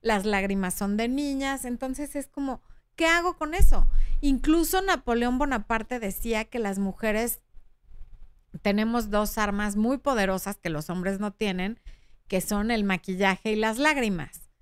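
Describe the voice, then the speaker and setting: A woman in her thirties hosts a relationship advice talk in a frank, talkative way, reading viewer comments and acting out the quoted lines; she has a Mexican Spanish accent. Her voice is medium-pitched, clear and resonant, and she speaks at a measured pace. The recording is dry.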